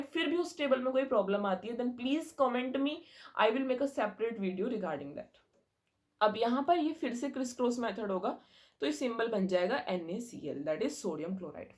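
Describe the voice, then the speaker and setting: Patient woman science teacher, higher voice. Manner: patient, explanatory, mixes in English terms and checks understanding. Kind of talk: classroom lesson explaining chemistry.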